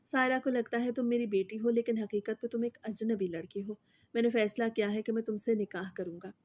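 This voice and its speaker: A woman's voice: on the high side, fairly even intonation, a little mellow, natural voice. A woman voicing a cruel, scheming stepfather who speaks in a stern, threatening way, in a storybook reading. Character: cruel scheming stepfather, a middle-aged man.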